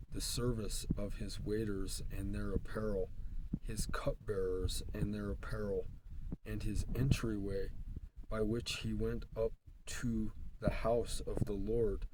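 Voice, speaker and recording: A man reads scripture aloud stiffly and haltingly, breaking it into short phrases. His voice is somewhat low and very monotone, and he goes very slowly. The recording has clear background noise and clicks. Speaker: Bible reader.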